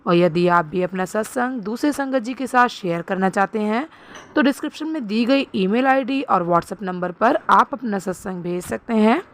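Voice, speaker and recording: A woman's voice: medium pitch, animated, moderate pace. A woman host reading a formal scripted announcement for a devotional channel.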